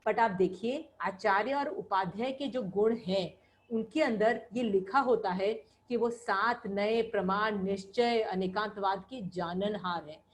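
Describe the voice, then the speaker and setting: A woman's voice: medium pitch, measured pace, rough recording. A middle-aged woman giving an earnest religious lecture, mixing Hindi and English and teaching through personal anecdotes.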